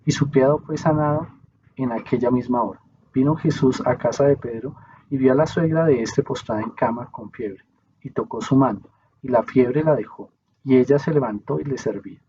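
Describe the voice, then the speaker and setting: A man reading aloud a Bible commentary in a steady, measured way, now and then correcting himself. The recording is muffled and slightly hissy. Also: medium pitch, slightly rough. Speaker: reader.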